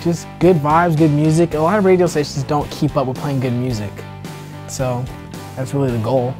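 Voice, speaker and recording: A young man, a college radio DJ, talking in a relaxed, easygoing way about his show in a radio studio. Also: a little high, moderate pace, soft background music. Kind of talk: casual promo talk. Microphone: studio microphone with headphones.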